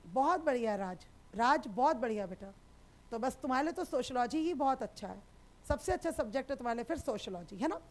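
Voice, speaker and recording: Lady teacher, pretty high voice, keeps calling students beta, reassuring live class chat. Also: lively intonation, fast talker. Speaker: sociology teacher.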